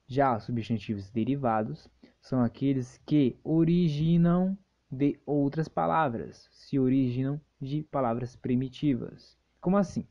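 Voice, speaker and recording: A man narrates a lesson at an even, measured pace. His voice is mellow and middle-pitched. The recording sounds slightly dull and lo-fi. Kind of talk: explanatory narration.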